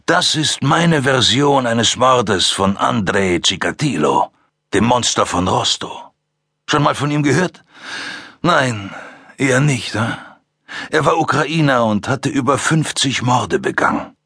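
A male narrator puts on a serial killer for an audiobook, calm and amused, who taunts his listeners in a slow, condescending drawl. The voice is bright and slightly husky, a notch higher than plain speech, recorded dry and close. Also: no room sound, heavily acted. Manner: mocking, taunting, drawn-out delivery.

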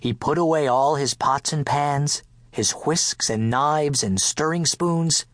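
A man narrating a children's picture book in first person as a dog, playful and expressive. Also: fairly high pitch, takes it slowly, no room sound. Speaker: audiobook narrator.

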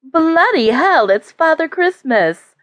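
A woman voicing a cheeky young woman of twenty, high and breathy, teasing and cheerful, in an audiobook. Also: big pitch swings, slow pace, fairly bright tone, no echo, exaggerated voice.

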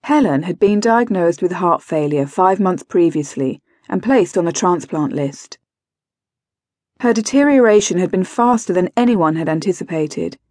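A woman narrating an audiobook thriller in a measured, wry manner. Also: fairly low pitch, expressive, darkish tone, no echo, clean studio sound.

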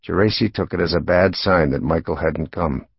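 A man reading a crime novel aloud as an audiobook narrator, in a steady, matter-of-fact storytelling manner. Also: deep voice, moderate pace, vocal fry, slightly rough, highs cut off.

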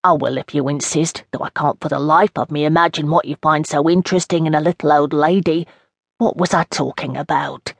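A woman's voice: sits low, fairly even intonation, fairly quick, creaky, breathy edge, no room sound, full character voice. A woman voicing a rambling old East End lady. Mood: reminiscing. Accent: East End London. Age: 70s. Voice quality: homely, rambling, dialect grammar. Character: frail chatty old East End woman, long institutionalised. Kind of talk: audiobook narration in character.

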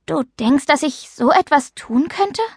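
A woman voicing a cheerful, earnest young schoolgirl who sounds high and eager. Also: expressive, unhurried, no room sound, clean studio sound. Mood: indignant.

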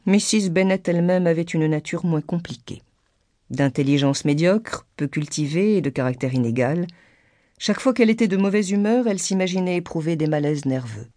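A woman reads a classic novel aloud in an audiobook, measured and literary. Her voice is dark and mellow, and the recording is dry and close, with no room at all. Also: fairly low pitch, expressive, dry recording. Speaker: audiobook narrator. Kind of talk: scripted narration.

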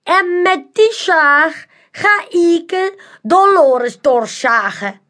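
A woman's voice: very high-pitched, lively intonation, pushed and bright, voice pushed up, full character voice. A woman voicing a sly, theatrical male circus magician in a children's storybook, drawing out every word like a showman. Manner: slow, drawn-out, showman's delivery. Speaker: audiobook narrator.

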